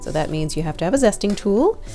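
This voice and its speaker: A woman's voice: mid-range voice, expressive, fast talker, warm tone, soft background music. A woman chef giving a casual cooking demonstration in her home kitchen, chatty and upbeat, explaining each step. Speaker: chef and recipe reviewer.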